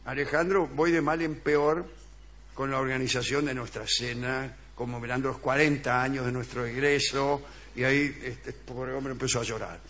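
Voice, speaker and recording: A man with an Argentine accent telling an absurd story deadpan on a comic radio sketch, acting out the voices he quotes and chuckling. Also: mid-range voice, moderate pace, a little hiss or hum.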